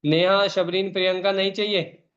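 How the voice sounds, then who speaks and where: High-voiced man urging an online meeting. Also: little pitch movement, moderate pace, a bit bright. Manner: urging, repetitive, emphatic. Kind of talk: online meeting talk, calling out names. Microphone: video call. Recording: dull lo-fi call audio.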